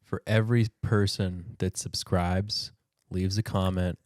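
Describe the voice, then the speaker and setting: A man joining a casual chat, making joking deadpan offers. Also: deep voice, unhurried, no echo, studio quality.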